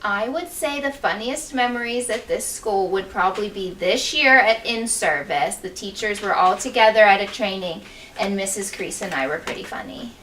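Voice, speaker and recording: Woman with a bright clear-cut voice answering kids' questions, encouraging, simple wording, bit off mic. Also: mid-range voice, lively intonation, normal speed. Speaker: school staff member being interviewed. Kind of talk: interview answers to children. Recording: distant mic with faint background noise.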